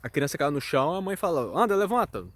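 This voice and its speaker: A man's voice: on the high side, quick pace, no room sound. A Brazilian man with a Brazilian Portuguese accent talking casually as a channel host, hesitant and full of fillers and hedges. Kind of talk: casual chat.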